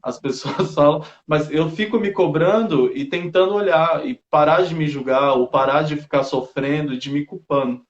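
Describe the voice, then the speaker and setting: A man joins a live talk and speaks earnestly, halting and restarting as he looks for the right words. His voice is somewhat high for a man. The audio is muffled and echoey.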